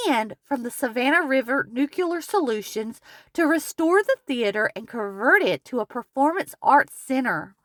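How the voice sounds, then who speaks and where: A woman narrating a local history travel video in a slow, measured, scripted reading voice, recorded as a close voice-over. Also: high-pitched, a bit bright, no echo.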